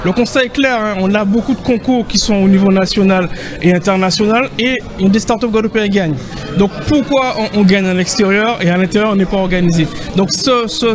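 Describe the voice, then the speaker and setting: A man speaking emphatically in a press interview, with rhetorical questions and tag words. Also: sits high. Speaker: tech association co-president. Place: indoor event room. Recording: music underneath.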